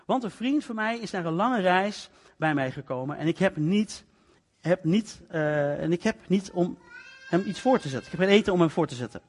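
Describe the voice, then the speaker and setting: A man's voice: high-pitched, lively intonation, moderate pace, in a large hall. A man playing a frantic midnight door-pounder. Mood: pleading. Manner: shouting, urgent calls to wake up.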